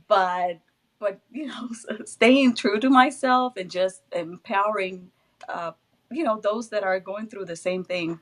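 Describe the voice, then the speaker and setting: Speaking in a mid-range voice, this woman, whose first language is Spanish, talks casually as an interview guest. Her Spanish accent comes through as she laughs frequently and starts phrases over while searching for English words.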